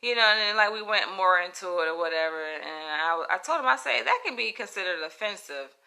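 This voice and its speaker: A comedian from Florida with a Southern US accent talks to the camera in a piercing, very bright voice of medium pitch. She tells her story frankly and briskly, with lively intonation and lots of animation, in loose, casual speech sprinkled with profanity.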